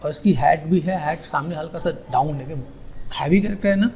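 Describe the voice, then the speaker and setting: A man giving a casual, repetitive software tutorial, pointing things out step by step. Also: a little high, fairly quick, creaky. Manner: repetitive, keeps saying "here" and "okay". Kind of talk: casual screen-recorded tutorial.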